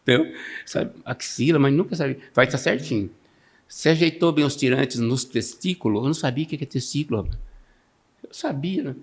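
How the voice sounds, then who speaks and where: A man's voice: medium pitch, fairly quick. A man with a Brazilian Portuguese accent, a podcast guest telling funny life stories in a casual way and laughing often. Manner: laughs often, acts out quoted voices. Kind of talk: casual storytelling.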